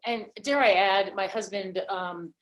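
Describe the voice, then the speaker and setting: A woman hosting an online holiday gathering, talking casually and haltingly with many fillers over a video call mic. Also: mid-range voice. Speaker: event host.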